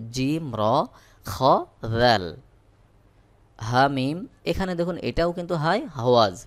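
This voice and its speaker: Man, teacher, patient step-by-step recitation lesson, repeats letter pairs, mid-pitched voice. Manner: slow, drilling letter pairs with repetition. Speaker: Quran reading teacher.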